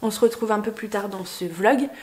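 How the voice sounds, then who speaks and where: A young woman vlogging casually, excitedly gushing over a book gift she unboxes. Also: medium pitch, brisk. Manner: gushing, excitable, many exclamations.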